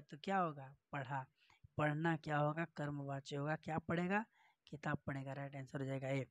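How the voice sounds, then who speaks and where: A man's voice: fairly high pitch, no echo. Man teaching an exam practice lesson. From northern India. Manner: explains answers with many rhetorical questions and repetition. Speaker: Hindi teacher.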